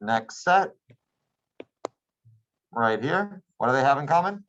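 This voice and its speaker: A man's voice: mid-range voice, lively intonation, slow pace, a bit bright, lo-fi sound. Male math teacher lecturing a class. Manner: checks in with students often, patient and plain.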